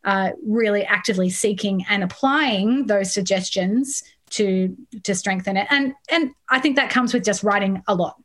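A woman in her thirties chats about her craft in a relaxed interview. She laughs often and slips into lively, animated voices when quoting herself. Her pitch and tone sit right in the middle for a woman. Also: normal speed, hardly any pauses. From Australia. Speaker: songwriter guest. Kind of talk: casual interview chat.

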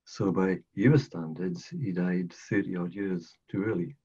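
Older man, Welsh accent, emphatic storyteller, husky, dull lo-fi sound. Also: low-pitched, measured pace, warm tone. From South Wales. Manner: earnest, emphatic, repeats phrases for stress. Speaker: podcast guest. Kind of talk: casual storytelling interview. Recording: dull lo-fi audio.

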